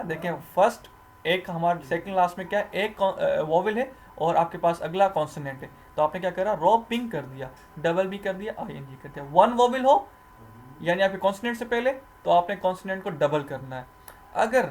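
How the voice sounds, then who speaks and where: A man teaching English grammar, explaining slowly, repeating rules and answering his own questions. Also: high voice, a little mellow, slight background noise. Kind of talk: recorded grammar lecture.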